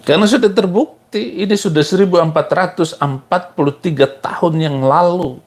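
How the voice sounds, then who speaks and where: A middle-aged man preaching a sermon, mocking critics, laughing at his own jokes and jumping sharply in pitch. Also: normal speed.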